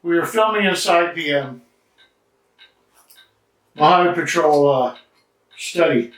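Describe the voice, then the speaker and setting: A man reviews things in a chatty, halting way, stopping often on fillers. His voice sits a bit high. He is indoors in a study, a little back from the mic, and the room echoes strongly around him. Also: animated, fairly bright tone, distant mic. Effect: strong room echo. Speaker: cigar and drink reviewer. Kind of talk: casual vlog review.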